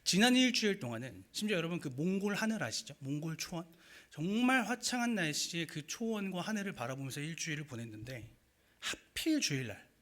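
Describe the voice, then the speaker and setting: A young man preaching a sermon, telling a personal story in a lively, animated way. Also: a little high. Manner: animated storytelling with acted quotes and rising emotion.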